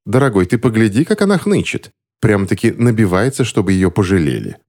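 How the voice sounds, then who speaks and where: A man's voice: fairly low pitch, big pitch swings, brisk, darkish tone, voice pushed up. A man voicing a haughty, indignant woman in a cloche hat. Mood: mocking.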